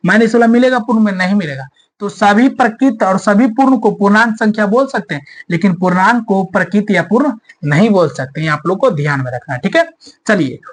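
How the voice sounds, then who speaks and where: A man's voice: sits high, fairly bright tone. A male maths teacher explaining a lesson step by step, asking the class rhetorical questions and repeating key points. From India.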